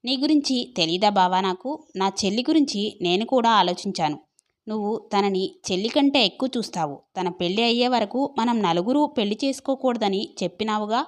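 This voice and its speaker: A woman's voice: medium pitch, animated, brisk, close to an everyday voice. Lady voicing a young brother in an audio story, earnest, asks lots of questions. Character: protective young adult brother.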